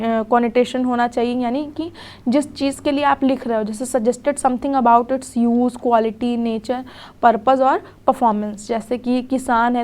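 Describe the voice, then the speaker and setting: A woman's voice: a little high, a little mellow. Young woman teaching a recorded lecture. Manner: explains in Hindi, reads English definitions slowly, often adds "theek hai".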